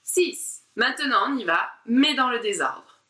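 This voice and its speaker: A woman teaching a diction warm-up with a bright, slightly high voice. She speaks slowly and exaggerates each syllable. The voice is a little far from the mic, in an echoey room. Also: lively intonation. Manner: slow, exaggerated articulation, guiding exercises. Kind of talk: online speech warm-up lesson.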